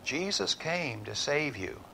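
Middle-aged man pastor, unhurried sermon delivery, mid-range voice, faint room noise behind. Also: a little high, big pitch swings, vocal fry, low-quality recording. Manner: preaching with rising emphasis, then a hushed altar call. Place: church sanctuary.

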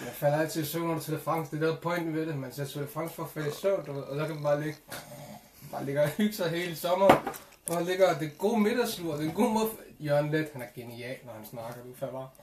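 A young man co-hosting a casual vlog, bantering, laughing and swearing playfully. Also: fairly high pitch. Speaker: co-host.

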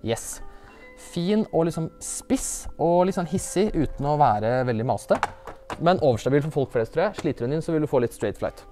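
A man on a disc golf store's staff, presenting the stock in a casual, relaxed and enthusiastic way, with lots of slang and fillers. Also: a little high, faint music behind. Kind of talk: casual product walkthrough.

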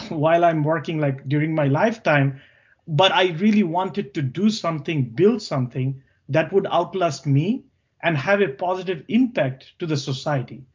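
Guesting on a podcast, a man around forty from Bangladesh talks about his career as a tech co-founder in Bangladeshi-accented English, Bangla being his native tongue. He speaks at a moderate pace in a slightly high voice, captured in muffled audio.

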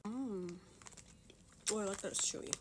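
A woman talks while chewing candy, her words mushy and muffled, with soft murmured mm-hmms. Loud noise and crinkling wrappers sit behind her voice. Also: medium pitch, moderate pace. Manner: soft, murmuring mm-hmms between short remarks. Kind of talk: casual candy taste-test vlog.

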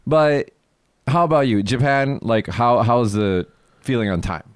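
A man's voice: mid-range voice, expressive, measured pace, smooth, dry recording, clean studio sound. A man co-hosting a casual chat show, explaining things to listeners and laughing often. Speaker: podcast co-host.

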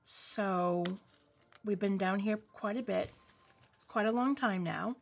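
Crafting at home beneath an overhead camera that captures just her hands, a craft vlogger in her forties from New England chats casually, rambling into warm asides dotted with ums. She speaks slowly in a gravelly, medium-pitched voice.

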